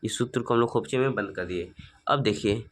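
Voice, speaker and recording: A man teaching a maths lesson, slowly working through a problem step by step and asking himself rhetorical questions. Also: fairly low pitch, a little hiss or hum. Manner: asks rhetorical questions and answers them; slow, stepwise working-through.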